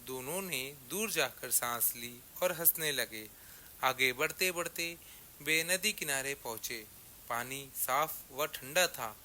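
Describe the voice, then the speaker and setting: A man narrating a children's story in a slow, measured way. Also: mid-range voice, pushed and bright, a little hiss or hum.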